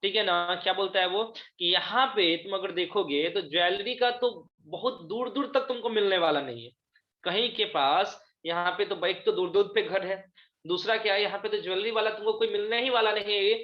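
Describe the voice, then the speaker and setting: A man teaching an English lesson, reading lines from a play slowly and explaining each one in Hindi, with frequent check-ins to his students. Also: high-pitched. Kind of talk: online class lecture, reading a play aloud and explaining in Hindi. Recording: echoey room, dull lo-fi sound.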